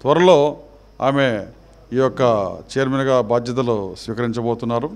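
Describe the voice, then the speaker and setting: A middle-aged man, a temple trust chairman, answering a reporter's questions in a formal, measured way with halting phrases. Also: medium pitch, fairly even intonation, a little mellow.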